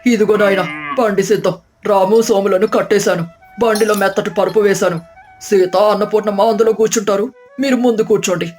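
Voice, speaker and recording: A voice actor playing a patient older village man who gently advises his son-in-law in a storybook cartoon. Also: mid-range voice, fairly even intonation, brisk, soft background music, close to an everyday voice.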